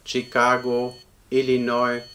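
In a radio play, a male actor gives voice to an impersonal court computer, reading formal official notices in a flat, bureaucratic way. His voice sits in the mid range and moves slowly. The recording is noticeably noisy.

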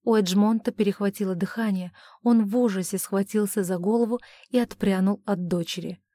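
A woman reading a romance novel aloud as an audiobook narrator, measured and even. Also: medium pitch, dry recording, clean studio sound.

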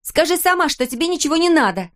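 A woman voicing a furious, defiant teenage girl who snaps and half-shouts in a high voice. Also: lively intonation, fairly quick. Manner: shouting, sharp.

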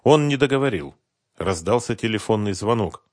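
A man narrating an audiobook in an expressive storytelling manner. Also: on the low side, normal speed, no room sound. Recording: dry close studio sound.

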